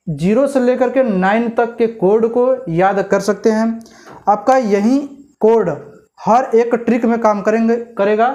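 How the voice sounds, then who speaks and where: A man teaching a memory trick, explaining step by step and often checking with "clear?" and questions to the viewer. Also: sits high, a little mellow. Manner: repeats "clear?" and asks rhetorical questions.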